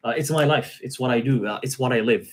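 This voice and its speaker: A man talking casually in a live-stream conversation, relaxed, laughing often and repeating his phrases. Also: medium pitch, fast. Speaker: guest practitioner.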